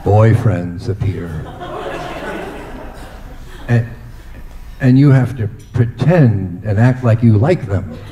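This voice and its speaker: Unhurried middle-aged man giving father-of-the-bride speech. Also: fairly low pitch, expressive, reverberant, highs cut off, background noise. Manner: unhurried storytelling with deliberate dramatic pauses.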